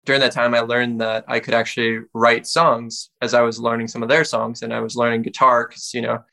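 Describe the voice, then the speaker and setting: A young man from Wisconsin, a musician guest speaking in a relaxed, reflective way. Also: mid-range voice, fairly quick, vocal fry. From Wisconsin, United States. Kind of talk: casual interview talk.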